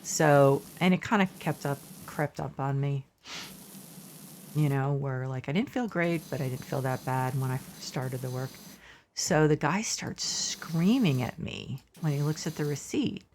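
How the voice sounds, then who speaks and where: Middle-aged woman streamer, really low voice, rambles thru a story while she plays, keeps correcting herself. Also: a little slow, a little mellow, slight background noise. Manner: meandering, self-correcting storytelling; asides about the game mid-story. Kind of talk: casual storytelling while gaming.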